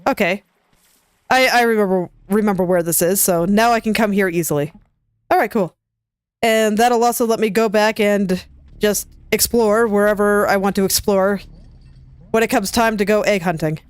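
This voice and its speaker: With a medium-pitched, clear, resonant voice and no echo, a woman plays a video game and keeps up a casual, chatty commentary. Like a let's play gamer, she talks to herself as she goes, tossing in quick laughs.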